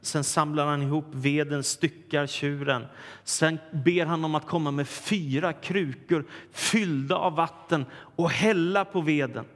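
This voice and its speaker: Male preacher, vivid storyteller, fairly high voice, long hall reverb. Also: steady tone, fairly bright tone. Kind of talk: sermon retelling a Bible story.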